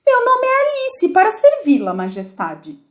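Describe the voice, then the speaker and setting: A polite, plucky little girl from a storybook speaks in a bright, high voice with lively rises and falls, as a woman reader puts her on. She stays courteous but firm. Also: a little slow, reverberant, exaggerated voice.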